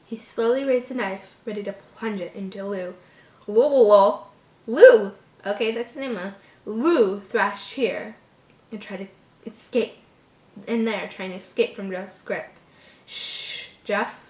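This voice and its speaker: With a medium-pitched voice and moderate pace, a woman reads a horror story casually, stumbling over words and cutting away to joke in amused disbelief. The recording is a roomy, echoing one made at home.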